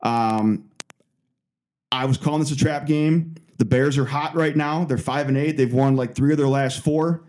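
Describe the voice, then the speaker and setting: A man's voice: medium pitch, moderate pace, a little mellow. A man co-hosting a sports podcast, talking in a loose, rambling way with lots of fillers. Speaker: podcast co-host. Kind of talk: casual sports chat.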